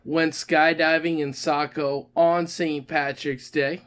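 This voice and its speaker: Young man with a slightly high voice. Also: little pitch movement, slow pace, fairly bright tone. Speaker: podcast co-host. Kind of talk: casual chat.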